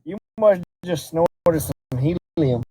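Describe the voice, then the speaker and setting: A man's voice: a little high, lively intonation, slow pace, warm tone, breathy edge, no room sound. A man hosting a casual livestream, talking in a laid-back, slangy way as he directs his chat. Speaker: livestream host.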